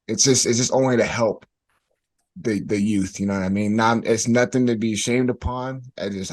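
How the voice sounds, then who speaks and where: A man hosting a casual podcast, emphatic and animated, often repeating words as he talks. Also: fairly low pitch. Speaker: podcast host.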